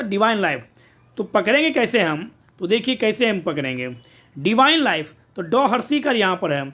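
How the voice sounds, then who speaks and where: A male exam coach with a notably high voice runs a prep lecture. He keeps asking quiz questions aloud and answering them at once, repeating key facts so they stick. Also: a bit bright. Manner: repetitive question-and-answer drilling.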